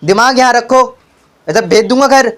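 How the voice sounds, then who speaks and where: A man's voice: very high voice, moderate pace, a bit bright. A young man teaching as a tuition teacher, drilling his pupils with repeated call-and-response questions and calling them beta. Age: young adult. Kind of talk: classroom lesson. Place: tuition classroom with children. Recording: noisy classroom recording with clicks.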